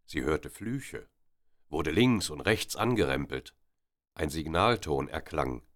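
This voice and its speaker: A man reading a story aloud with expressive, dramatic narration. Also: a bass voice, takes it slowly.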